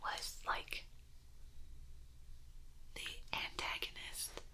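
A woman's voice: drawn-out words, pushed and bright. A woman in her thirties whispering casual ASMR chat very close to a binaural microphone, moving from ear to ear, in a playful, rambling way. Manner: whispering close into the listener's ears, side to side. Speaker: ASMR video host. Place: small furnished room at home.

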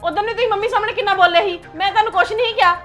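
A woman's voice: very high voice, very fast, fairly bright tone, faint music behind. An actress playing a fed-up young wife who complains indignantly about her husband. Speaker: actress in a family skit.

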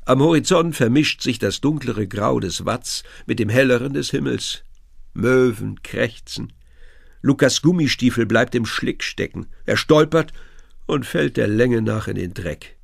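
A man reading a children's story aloud in a lively, expressive way. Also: medium pitch, unhurried, creaky, slightly rough, no room sound, clean studio sound.

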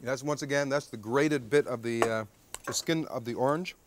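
Here's a mid-range male voice at a moderate pace, with some noise in the background. He's a thirtysomething TV cooking host at a backyard grill deck outdoors, joking around through the demonstration and often tacking "okay?" onto what he says.

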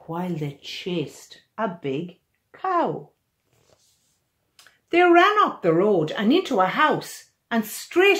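This is a storybook reading for kids by its own author, a woman in her sixties, recorded in a small home room. Her pitch is fairly low, and she brings the tale to life in an expressive, animated, measured manner.

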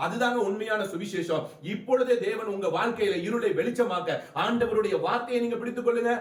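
A man's voice: high-pitched, a little fast, echoey room, far from the mic. A man preaching a fervent sermon, building rhythmic repeated phrases and calling on his listeners to answer.

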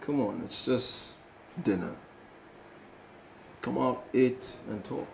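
A man's voice: mid-range voice, slow, a little hiss or hum. An actor playing a charming young man asking a woman out. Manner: smooth, charming suitor. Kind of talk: Nollywood film acting.

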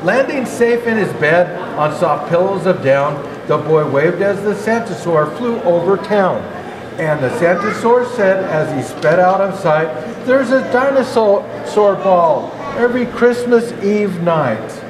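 With lively intonation and a measured pace, a high-pitched older man playing Santa Claus reads a children's storybook aloud. He's in an echoey indoor hall at a natural history museum, and a crowd makes the background plainly noisy.

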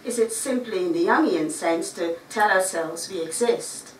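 On a small, dark stage facing a seated audience, a Guyanese writer reads her talk aloud, measured and reflective, with occasional asides. Her voice is medium in pitch. She stands at a mic stand, but the recording comes from a distant camera, so it sounds roomy and carries a slight hiss or hum.

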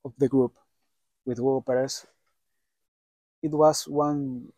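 Halting male interviewer outdoors. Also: medium pitch, little pitch movement, dark tone, no echo. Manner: halting, searching for words with fillers. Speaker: sports interviewer. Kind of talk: interview questions in second language. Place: outdoors by sports courts.

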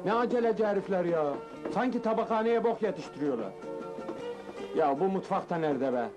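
A naive country bumpkin. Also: male voice, high voice, expressive, a little fast, lo-fi sound, over music. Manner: rustic, exclamatory. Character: naive provincial young man looking for work.

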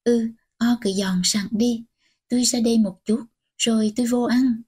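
Woman narrator voicing a defiant teenage girl, higher and soft, audiobook. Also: fairly even intonation, moderate pace, breathy edge. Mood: playful. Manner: pleading, defiant. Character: teenage girl, stubborn granddaughter, defiant and tearful.

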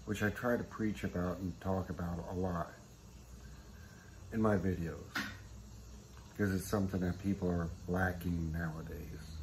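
Middle-aged guy talking straight into his phone, lowish voice, little bit of hum behind him. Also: steady tone, moderate pace, long pauses. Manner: plainspoken, self-admitting, talks about common sense. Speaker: channel host. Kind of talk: casual how-to vlog. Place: small room with wood stove, indoors. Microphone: phone camera at arm's length.

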